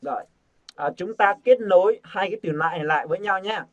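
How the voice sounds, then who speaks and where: Guy teaching pronunciation, kinda high voice, keeps repeating sounds, dull lo-fi audio. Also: fairly quick. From Vietnam. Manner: coaxing, drills sounds by repeating them over and over. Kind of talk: casual group lesson.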